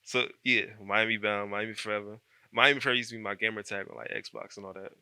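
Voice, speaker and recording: A man in his twenties from Columbus, Ohio, a college football player answering questions in an easygoing, soft-spoken way with many fillers. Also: lowish voice, steady tone, fast talker, clear, resonant tone, no room sound. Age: 20s. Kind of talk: casual interview chat.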